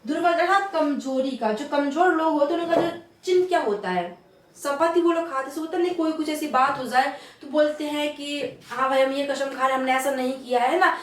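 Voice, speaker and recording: A woman's voice: sits high, brisk, roomy sound, recorded from a distance. A woman teacher explaining a poem line by line in a casual lesson, repeating points and asking rhetorical questions. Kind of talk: casual Hindi literature lesson.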